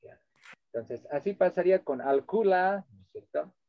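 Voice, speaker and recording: A man with a slightly raised pitch gives an online lecture as a translation instructor, moving between two languages and pausing to ask whether his listeners follow. His voice comes through dry and close, with no room around it. The video-call audio sounds dull and lo-fi. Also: lively intonation, dry recording. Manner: explanatory, checks in with listeners often; switches between two languages while teaching.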